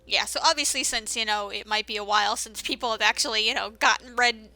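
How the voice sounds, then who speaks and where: Bright-voiced chatty woman gamer. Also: on the high side, fast, soft background music. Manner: chatty, rambling, many fillers and restarts. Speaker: let's-play commentator. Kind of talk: casual game commentary.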